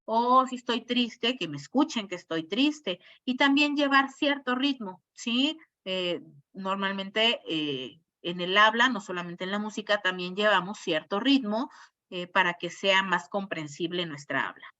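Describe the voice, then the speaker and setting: Bright-voiced woman lecturing, muffled audio. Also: medium pitch, unhurried. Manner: explanatory, checks in with listeners. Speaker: speech therapist giving a talk. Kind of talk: informal online lecture.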